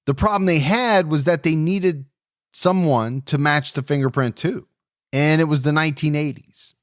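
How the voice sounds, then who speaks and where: A fairly high-pitched man co-hosting a true crime podcast, recorded dry and close with no room sound. He talks conversationally and leans on key words for emphasis. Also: dry recording. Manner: conversational, emphatic, restarts phrases. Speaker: podcast co-host.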